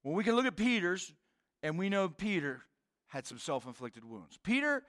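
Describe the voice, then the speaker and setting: A man preaching a sermon in a casual, animated way, with slang and acted-out quotes. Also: sits high, normal speed. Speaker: pastor.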